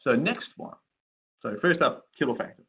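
A man's voice: medium pitch, expressive, moderate pace, slightly rough. A man giving a casual webinar lecture on winemaking yeasts, loose and conversational, with frequent fillers and restarts. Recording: tinny phone-like audio.

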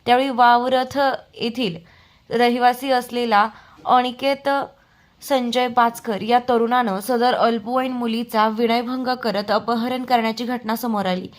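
A woman reading a local news report in a steady, formal manner. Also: fairly high pitch, a little slow. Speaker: news reader. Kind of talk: scripted news narration.

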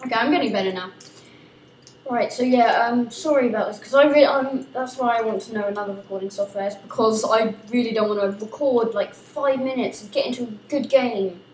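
A young woman, chatting excitedly while recording herself playing a video game. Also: on the high side, fairly quick, reverberant, a little hiss or hum, low-quality recording. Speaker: gamer recording gameplay. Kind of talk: let's play commentary.

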